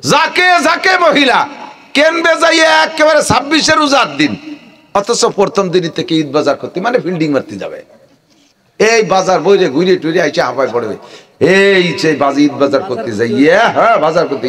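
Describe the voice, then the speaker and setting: Preacher guy, voice jumping all over, a bit high. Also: moderate pace. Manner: animated, swings from high shouts to low mutters, acts out villagers. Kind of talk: comic Bengali waz sermon.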